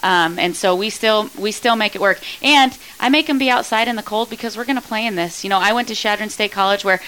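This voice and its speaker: An energetic woman softball coach talks through her plans in a relaxed interview. She speaks with emphatic, upbeat conviction. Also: mid-range voice, quick pace, clear, resonant tone, rough recording. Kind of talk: casual interview chat.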